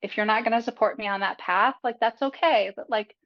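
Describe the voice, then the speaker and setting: Speaking fairly quickly in a slightly high voice, a young woman guests on a podcast and talks frankly about her life. She's chatty and profane and fills her speech with fillers in this candid, casual interview, which has dull lo-fi audio quality.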